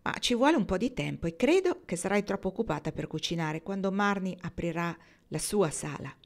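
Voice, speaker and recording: A woman reading as a gentle motherly woman. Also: fairly low pitch, lively intonation, brisk, vocal fry. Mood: kind. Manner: gentle, frank. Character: kind older woman, calm and motherly.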